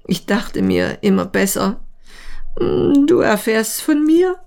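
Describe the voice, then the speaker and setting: A woman reading aloud, voicing a rattled man who rushes his words in a high, strained voice. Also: huge pitch swings, creaky, a little mellow, exaggerated voice. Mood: flustered. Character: agitated man, rattled and pleading. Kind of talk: audiobook reading.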